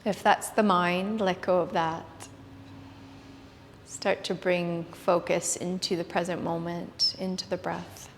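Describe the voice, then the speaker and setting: A woman yoga instructor giving guided relaxation in a soft, hushed, gentle and soothing voice, with pauses. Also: lowish voice, level tone, slight background noise. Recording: reverberant hall-like room echo.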